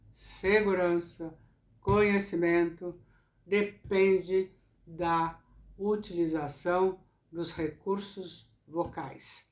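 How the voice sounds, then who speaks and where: A woman teaching public speaking in a recorded lesson, speaking slowly and deliberately with careful articulation. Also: medium pitch. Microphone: camera. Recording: echoey room sound.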